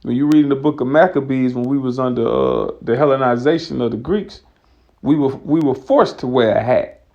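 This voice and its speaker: A man teaching scripture in a loose, conversational way, slowing down to read verses aloud. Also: medium pitch, big pitch swings, a little mellow, lo-fi sound. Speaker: religious teacher.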